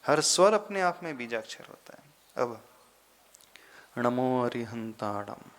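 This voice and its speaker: A man, a monk, giving a sermon in a slow, deliberate teaching manner, pausing often and rising into sudden emphasis. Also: fairly high pitch, lively intonation, fairly bright tone. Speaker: Jain monk giving a discourse.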